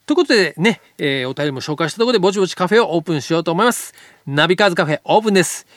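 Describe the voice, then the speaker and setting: A man's voice: a little high, lively intonation, racing, a bit bright, no room sound, clean studio sound. A middle-aged man hosting a radio show in a chatty, polite and playful way. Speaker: radio host, magazine editor-in-chief.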